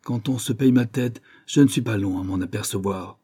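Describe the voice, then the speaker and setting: A man's voice: on the low side, moderate pace, warm tone, breathy edge. A man voicing a jealous, bullying middle-aged rich husband who talks in a resentful, blustering and insistent way. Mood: angry resentment.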